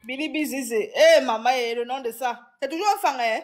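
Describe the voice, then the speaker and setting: A woman with a high, lifted voice hosts a casual live stream. She talks in animated bursts, full of dramatic exclamations. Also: normal speed.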